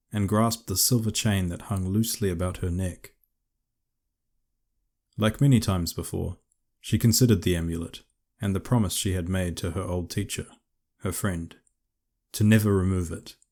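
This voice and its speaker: Deep-voiced male audiobook narrator. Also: darkish tone. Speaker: author and narrator.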